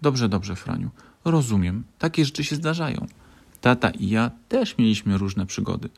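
A man's voice: on the low side, animated, normal speed, vocal fry, breathy edge, heavily acted. A man voicing a tender, concerned fox mother in a children's story. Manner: tender, fussing.

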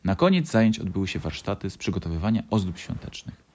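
A man narrating a children's storybook in a gentle, expressive way. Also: deep voice, fast talker.

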